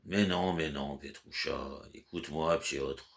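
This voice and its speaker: A man's voice: rumbling low, steady tone, a little slow, gravelly, exaggerated voice. A man voicing a frantic, fussy middle-aged clerk who scolds and then coaxes his servant. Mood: coaxing. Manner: agitated, scolding then coaxing.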